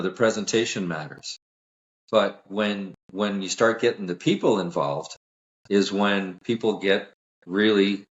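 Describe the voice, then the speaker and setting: A man's voice: low-pitched, roomy sound, muffled recording. A man who works as a sales coach, speaking as a guest on a podcast interview in an emphatic, self-assured, lecturing way.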